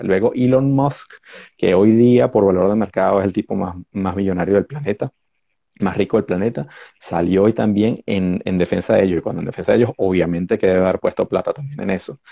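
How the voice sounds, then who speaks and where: Host, male, low husky voice, rambling market talk with restarts, dry close sound. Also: dark tone, no echo. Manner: rambling, many fillers and restarts. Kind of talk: casual market commentary monologue.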